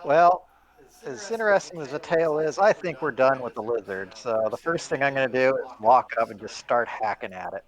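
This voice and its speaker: A man playing in a tabletop game, speaking calmly and reasoning through his choices. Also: mid-range voice, moderate pace. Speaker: player. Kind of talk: casual tabletop play.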